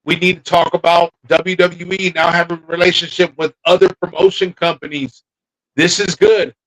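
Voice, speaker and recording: High-voiced man chatting about wrestling. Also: flat delivery, normal speed, fairly bright tone, low-quality recording. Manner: thinking aloud, trailing off and restarting. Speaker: podcast co-host. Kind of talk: casual wrestling chat.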